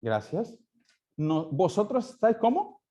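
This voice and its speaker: Lively man teaching a church class. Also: sits high, a little slow, muffled recording. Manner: asks the class questions and answers them himself. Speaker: Sunday school teacher.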